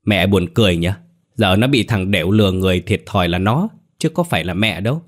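Brief: gruff, indignant big brother in a village ghost tale, read by a male narrator. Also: deep voice, expressive, fast. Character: hot-tempered protective young man, older brother.

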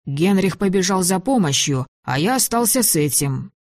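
A woman voicing a frightened young male German soldier who speaks slowly and haltingly, in a storybook reading. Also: on the low side, lively intonation, a little mellow, dry recording, studio quality, lightly acted. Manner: slow, halting, shaken.

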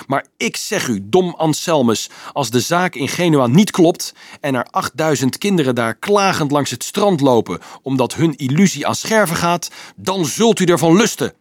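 A man voicing a hot-tempered, defiant teenage boy who snaps and shouts, his voice cracking with rage. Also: mid-range voice, no room sound, clean studio sound, voice pushed up, natural voice. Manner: snapping, shouting in anger.

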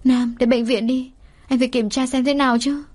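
A woman's voice: sits high, steady tone, a little fast, a little mellow, pitched above the performer's own voice. A woman voicing a worried young woman who pleads and scolds through tears. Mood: pleading. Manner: pleading then scolding, tearful.

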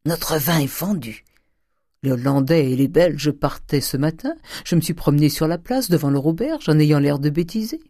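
A gloating old vintner crowing over a deal, as the audiobook reader puts him on. He talks in a boastful, gleeful way, with a dark, mellow voice set close and dry. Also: mid-range voice, animated, moderate pace, no echo.

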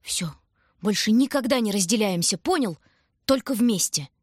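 A woman's voice: mid-range voice, animated, moderate pace, slightly rough, dry recording, clean studio sound. A woman voicing a frightened, fierce young girl in wartime, crying out desperately in an audiobook. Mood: urgent. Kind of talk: audiobook character voice.

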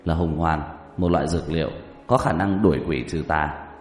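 A man voicing a calm, sly young male exorcist who explains things in an offhand, matter-of-fact way in an audiobook story. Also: extremely low pitch, moderate pace, pitched below the performer's own voice. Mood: explaining. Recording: roomy reverberant recording.

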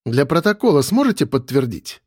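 Stern mocking female major, brisk and commanding, raised voice, a man putting her on. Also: a little high, sing-song, darkish tone, breathy edge, no room sound, clean studio sound. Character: stern sarcastic woman police major.

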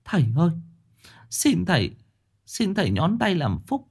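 A man voicing a frightened middle-aged woman in a ghost story, the chief's wife, begging in a high, trembling voice. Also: lively intonation, normal speed, mellow, breathy edge. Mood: pleading.

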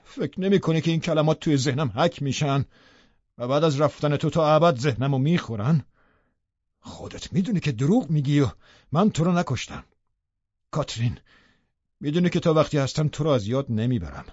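A man's voice: on the high side, lively intonation, pauses often, a little mellow, dry recording, pitched above the performer's own voice. A man voicing an anguished, furious young man, speaking in raised, harsh outbursts, with a dull, dry audiobook sound.

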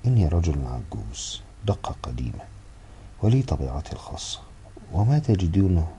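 Brief: man reading calm traditional old father, deep dark tone, quick audiobook delivery. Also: a little hiss or hum. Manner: calm, measured, gently refusing. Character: elderly stern traditional father, calm and firm.

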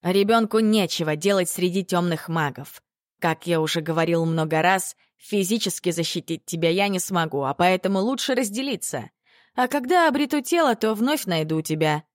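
A woman voicing a cold, commanding, bodiless male dark lord in an audiobook, speaking in a clipped, imperious way. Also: lowish voice, normal speed, dry recording, studio quality, close to an everyday voice. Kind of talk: audiobook character reading.

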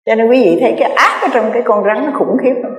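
A woman's voice: fairly high pitch, quick pace. A Buddhist nun giving an earnest dharma talk, repeating key phrases and addressing her listeners directly. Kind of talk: sermon. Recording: echoey reverberant hall.

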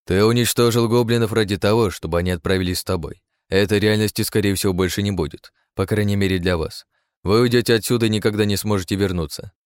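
A man voicing a smiling male clerk in a fantasy audiobook, calm and matter-of-fact. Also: fairly low pitch, quick pace, smooth, no echo, close to an everyday voice. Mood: knowing.

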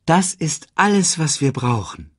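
A man's voice: fairly high pitch, sing-song, measured pace, husky, no room sound, clean studio sound, voice pushed up, heavily acted. A man voicing a young male lion who is carefree yet troubled, in a storybook audiobook. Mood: playful.

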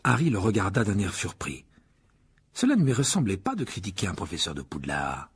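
A man's voice: sits low, huge pitch swings, fairly quick, slightly rough. A man narrating a storybook expressively as an audiobook reader. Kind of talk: scripted narration.

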